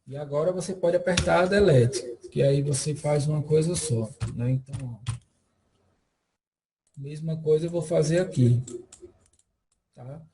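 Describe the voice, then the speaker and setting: A man giving a screen-recorded software lesson, explaining step by step and checking in often with his viewers. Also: on the high side, measured pace, pauses often, slight background noise, low-quality recording. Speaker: software instructor.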